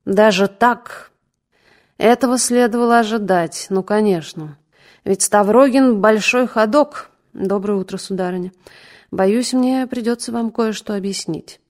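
A woman's voice: medium pitch, unhurried, darkish tone, close to an everyday voice. Brusque middle-aged male doctor, stern yet fatherly, read by a woman narrator. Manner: stern then fussing, fatherly.

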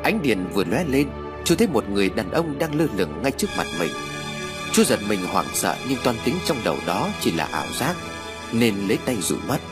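A man narrating a ghost story in an expressive, dramatic reading style. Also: mid-range voice, fairly quick. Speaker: audiobook narrator. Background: background music.

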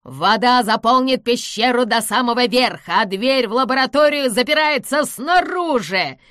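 A woman voicing a spiteful, vengeful little man who gloats and shouts threats. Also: medium pitch, normal speed, dry recording, studio quality, lightly acted. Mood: gloating.

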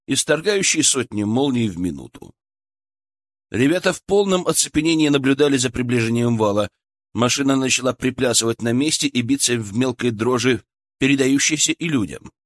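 Casting: male audiobook narrator, measured and dramatic, dry close sound. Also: mid-range voice, dry recording. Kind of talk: scripted narration.

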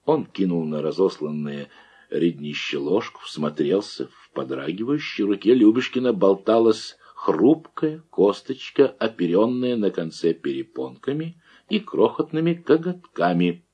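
A man's voice: sits low, measured pace, slightly rough, highs cut off. A man narrating a literary story expressively and theatrically. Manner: animated, theatrical. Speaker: audiobook narrator.

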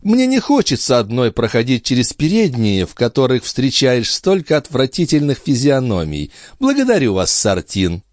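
A man voicing a haughty, imperious noble countess in a high, airy falsetto, breezy and mocking in an audiobook. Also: huge pitch swings, moderate pace, few pauses, a little mellow, dry recording, clean studio sound. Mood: gracious. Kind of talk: audiobook character voice.

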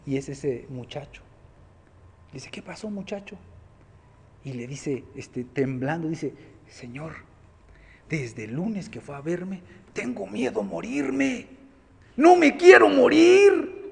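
High-voiced man preaching in a hall. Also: a little hiss or hum. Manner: animated preaching, dropping soft then rising loud. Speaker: pastor. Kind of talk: sermon.

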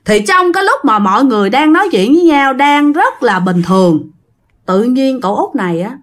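A woman's voice: high-pitched, normal speed. A woman with a Southern Vietnamese accent casually narrating a ghost story, talking directly to her listeners. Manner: animated, addresses listeners directly.

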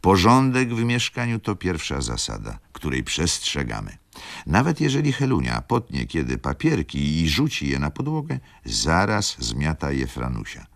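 A man's voice: a bass voice, huge pitch swings, moderate pace, gravelly, no echo, full character voice. A man voicing a stern, grey-haired old mother in an audiobook reading, speaking in an agitated, declamatory way. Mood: indignant.

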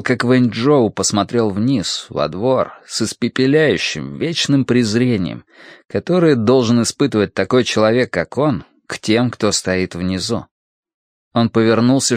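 A man narrating an audiobook in a measured, even storytelling manner. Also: fairly low pitch, no echo, studio quality. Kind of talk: scripted narration.

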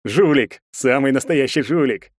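A man doing a drunk, bitter young brother for a storybook reading, with a raised, loud voice that jeers and sneers at everyone. The recording is dry and close, with no room sound. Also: mid-range voice, animated, measured pace, breathy edge, no echo, pitched above the performer's own voice. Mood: accusing. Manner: sneering, jeering. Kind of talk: audiobook character voice.

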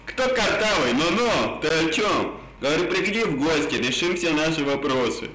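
A man's voice: on the high side, animated, moderate pace, bright, forceful tone. A man coaxing insistently in a casual phone chat, repeating himself, his r sounds burred and indistinct. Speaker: prank caller. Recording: echoey phone call, faint noise.

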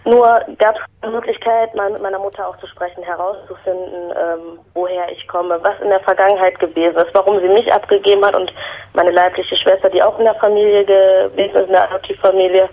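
A young woman in her twenties calls in over a phone line to a radio show. Her mid-pitched voice is earnest and halting, full of small fillers. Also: fairly even intonation, a little mellow. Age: 20s. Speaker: caller. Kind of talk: phone-in call.

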